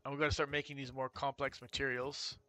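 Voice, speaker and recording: A man's voice: medium pitch, little pitch movement, quick pace, pushed and bright. A man streaming a factory-building game, thinking aloud in casual commentary with fillers and restarts.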